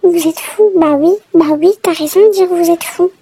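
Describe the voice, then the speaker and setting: A woman's voice: very high voice, normal speed, creaky, warm tone, low-quality recording. A woman giving chatty, exasperated running commentary while she plays a game. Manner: chatty, reacting aloud, exasperated. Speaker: gamer narrating her play.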